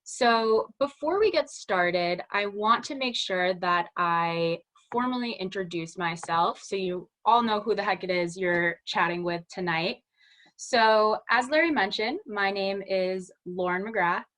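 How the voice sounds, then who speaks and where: A woman's voice: medium pitch, measured pace, a bit bright. A woman, giving a chatty, upbeat webinar presentation over a video call. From Western Massachusetts. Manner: chatty and upbeat, many "you know"s. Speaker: guest speaker, small business specialist.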